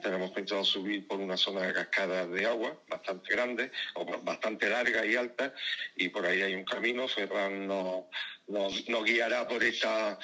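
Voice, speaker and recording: A man's voice: deep voice, pushed and bright. A man taking part in a mountaineering project, talking in a phone-in interview with frequent fillers and restarts. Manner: hesitant, many restarts and fillers. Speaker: mountaineer on expedition.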